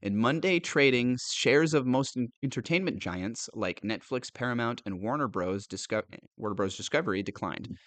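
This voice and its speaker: A man's voice: medium pitch, normal speed, hardly any pauses, fairly bright tone, no echo. A male commentator reading news aloud and reacting with sarcastic disbelief, laughing often and stumbling over words.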